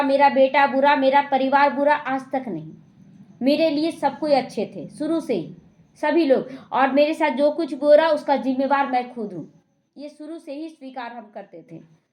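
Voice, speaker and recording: A woman gives a spiritual talk with a high voice. She tells a personal story and acts out the lines of the people in it. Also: a little mellow. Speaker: spiritual teacher.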